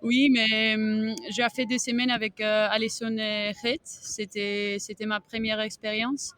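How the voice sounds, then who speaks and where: Female interview guest, foreign Greek accent, unhurried and halting delivery, slightly high voice. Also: little pitch movement, fairly bright tone, smooth, no echo. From Greece. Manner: halting, searching for words in non-native French. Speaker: tennis coach and podcast guest. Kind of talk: interview answers.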